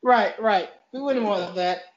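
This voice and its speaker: A man's voice: sits high, measured pace, slight background noise. A man hosting a podcast, chatting casually over a video call in a rambling, self-deprecating way. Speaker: podcast host. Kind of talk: casual review chat. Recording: dull lo-fi call audio.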